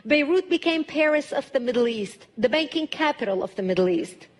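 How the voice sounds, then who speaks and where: A woman recounts her country's past in a measured, earnest speech. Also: high voice, animated. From Lebanon. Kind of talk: recorded speech testimony.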